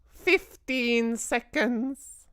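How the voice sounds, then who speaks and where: Shrill bossy old witch queen, high screechy and drawn out, dry close sound. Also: extremely slow, a bit bright, smooth, no room sound. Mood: gloating countdown. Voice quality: shrill, hissing, theatrical. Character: shrieking, imperious old female witch leader. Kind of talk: storybook reading.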